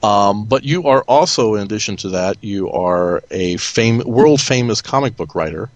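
A man with a fairly low, slightly hoarse voice hosts a casual podcast. He sounds like he is getting over an illness. The recording is close and dry. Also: animated, normal speed, no echo. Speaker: podcast host. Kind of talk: casual hosted podcast chat.

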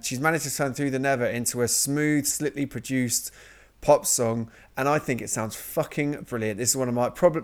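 A man hosting a music review podcast, chatting casually and enthusiastically, swearing freely as he moves through the tracks. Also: mid-range voice. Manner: enthusiastic, sweary, leads the running order. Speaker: podcast host.

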